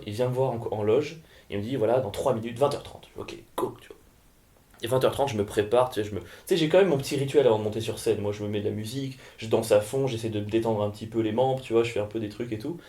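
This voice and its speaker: A male comedian rattles through a jokey backstage story at a brisk clip, animated and loose. His voice sits at an ordinary middle pitch, chatty and unscripted. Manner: animated, joking, rambling anecdotes. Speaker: comedian and podcast co-host. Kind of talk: casual banter and storytelling.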